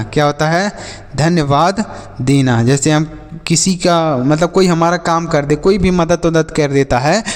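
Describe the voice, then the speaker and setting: Male teacher, slightly high voice, slow deliberate drilling delivery, echoey room. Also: darkish tone. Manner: slow, drilling call-and-answer with repetitions. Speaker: English teacher. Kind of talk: spoken language lesson.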